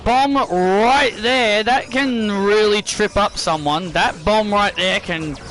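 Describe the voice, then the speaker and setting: A man's voice: high-pitched, takes it slowly, fairly bright tone, faint music behind. A man giving casual video game commentary, often repeating and rephrasing his own phrases. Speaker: gameplay commentator.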